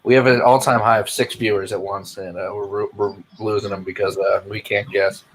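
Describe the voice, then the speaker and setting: A man's voice: on the low side, steady tone, moderate pace, a little hiss or hum, rough recording. A man playing along as a trivia contestant on a casual podcast, griping sarcastically and mocking himself. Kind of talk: casual chat.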